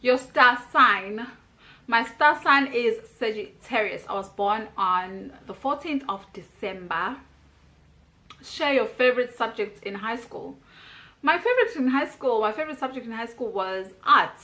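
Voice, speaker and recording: In this get-to-know-me vlog, a South African YouTuber in her thirties chats casually while reading questions aloud and answering them. She sounds a little high and a little slow, animated and bright with a forceful tone.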